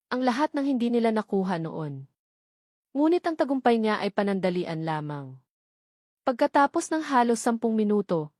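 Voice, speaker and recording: A woman narrates a scripted dramatic story as an audiobook narrator. Her voice is medium-pitched with a darkish tone, and the recording is dry with clean studio sound.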